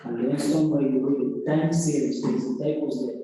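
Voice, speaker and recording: A man's voice: fairly high pitch, fairly even intonation, warm tone. Distant examiner man in an echoey room. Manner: halting, corrective, many restarts and fillers. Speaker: thesis examiner. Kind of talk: academic oral examination.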